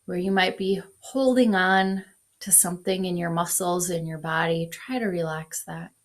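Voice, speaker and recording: A woman leading a guided breath prayer in a devotional video, giving calm, unhurried guidance. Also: on the low side. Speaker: devotional leader.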